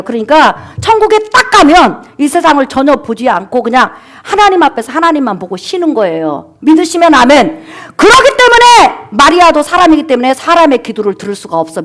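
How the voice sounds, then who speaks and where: A woman's voice: high-pitched, very animated, a little fast, few pauses, fairly bright tone. A woman pastor preaching a sermon and telling a testimony, calling for amens and asking the congregation questions. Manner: exhorting, calls for amens, rhetorical questions to the congregation; acts out quoted people in her stories.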